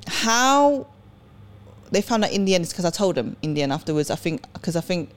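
A young woman from Sweden with a lowish voice chats on a podcast. She tells her story animatedly, acting out the lines of others and laughing often. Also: fairly quick. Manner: animated, laughs often, acts out quoted dialogue. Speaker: podcast co-host. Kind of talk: casual storytelling chat.

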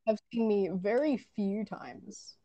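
A woman's voice: mid-range voice, takes it slowly, muffled recording, crowd noise. Playful swearing woman, bickering. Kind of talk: casual chat.

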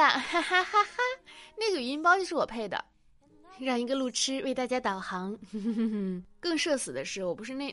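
A woman's voice: fairly high pitch, a bit bright. A woman in her late twenties hosting a casual home podcast, chatty and self-mocking, often giggling as she tells stories. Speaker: podcast host. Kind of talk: casual personal radio chat.

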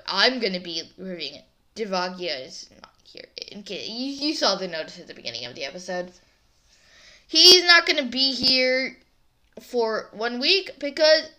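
A woman hosting a casual solo podcast, chatting excitably and rambling as she goes. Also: a little high. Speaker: podcast host.

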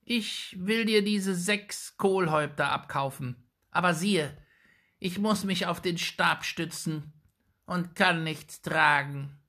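A hunched, spiteful old crone from a storybook, her voice high and creaky as she mutters and drags out her words with sly menace. She sounds a little set back from the mic. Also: slow pace, bright, forceful tone, heavily acted. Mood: muttering, sly. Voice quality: creaky, croaking.

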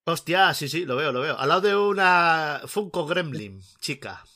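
A man from co-hosting a casual reaction chat, commenting excitably play by play. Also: a little high, a little slow. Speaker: co-host.

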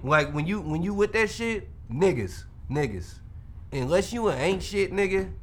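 Animated high-voiced man in casual chat. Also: normal speed. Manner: animated, talks over others, swears freely. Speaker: podcast co-host.

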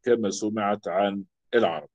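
A man with an Egyptian Arabic accent teaching a grammar lesson, slowly repeating example words to drill them. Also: fairly low pitch, a little mellow. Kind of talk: classroom lesson. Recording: dull lo-fi recording.

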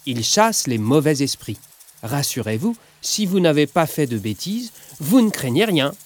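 A man's voice: fairly high pitch, sing-song, normal speed. Man doing a friendly young fisherwoman. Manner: friendly, explaining.

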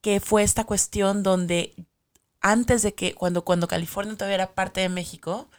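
A woman co-hosting a podcast, telling stories in an animated, expressive way. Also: mid-range voice, moderate pace. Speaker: podcast co-host. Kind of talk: casual podcast chat.

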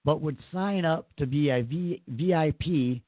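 A man's voice: fairly high pitch, a little slow, no room sound. A man hosting a podcast in casual chat, joking crudely about fans and reading viewer comments. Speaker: podcast host. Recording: dry, phone-like sound.

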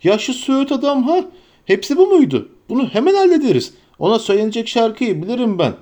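A man's voice: very high voice, very animated, fast talker, dark tone, pitched above the performer's own voice. A man voicing a jolly, boisterous old forest man in an audiobook, exuberant and sing-song with a commanding bounce. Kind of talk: audiobook character voice.

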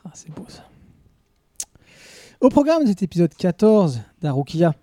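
A man hosts a casual podcast, recorded live in a café. His voice sits high yet sounds very mellow and dark. He jokes freely and stumbles over fillers. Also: very animated, measured pace, dry recording, studio quality. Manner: joking, with many hesitant fillers. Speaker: podcast host.

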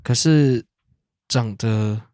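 A man's voice: medium pitch, very slow, mellow, dry recording. Taiwanese-accented man, dry close sound. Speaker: podcast host running a quiz. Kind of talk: casual chat, explaining.

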